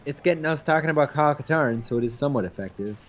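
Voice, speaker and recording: A man's voice: fairly high pitch, animated, rapid-fire. Teasing man, slightly muffled audio. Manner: teasing, dry ribbing. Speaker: co-host commenting on gameplay. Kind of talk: casual gameplay chat.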